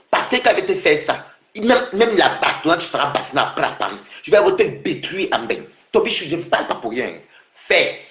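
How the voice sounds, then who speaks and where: A man's voice: a little high, fairly bright tone, echoey room. A man taunting a rival on his livestream, repeating himself and laughing mockingly.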